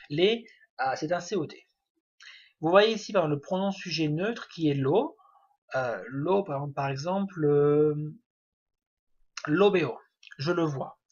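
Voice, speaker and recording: A man giving a spoken grammar lesson, explaining step by step with many hesitations and fillers. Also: on the high side. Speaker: language teacher. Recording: dull lo-fi recording.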